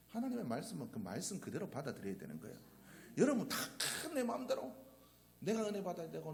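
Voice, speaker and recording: A man preaching a sermon as a pastor, asking the congregation rhetorical questions and answering them himself, his voice surging loud on repeated phrases. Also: medium pitch. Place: church sanctuary.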